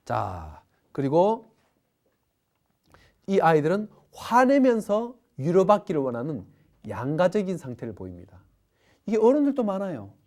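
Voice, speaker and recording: Woman parenting educator, middle-aged, lively rhetorical lecture delivery. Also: on the low side, measured pace, long pauses. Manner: animated, talks to audience with rhetorical questions.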